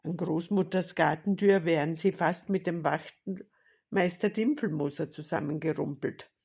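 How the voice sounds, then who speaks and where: Woman narrator for a storybook read-aloud: slow, husky, lowish. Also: a little mellow. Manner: slow, deliberate.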